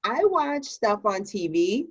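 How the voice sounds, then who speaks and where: A tipsy woman chats casually and comically as co-host of a rant show. Her pitch sits in a middle range for a woman. She tells things in an animated way, slipping into imagined quotes to make her point. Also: slow, slightly rough, dull audio. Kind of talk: casual comedic chat with a friend.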